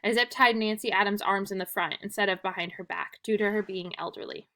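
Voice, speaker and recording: A woman teacher reads a written statement aloud for her class. Her voice is bright and clear, her pitch sits in a middle range, and she reads steadily, stumbling now and then and starting over. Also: a little fast. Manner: plain, even reading with occasional restarts and ums.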